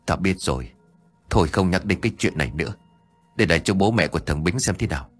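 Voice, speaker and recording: A man's voice: sits low, lively intonation, fast talker, husky, soft background music. A man voicing a nervous young man who stammers and repeats words when scared. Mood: uneasy. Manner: stammering, jittery.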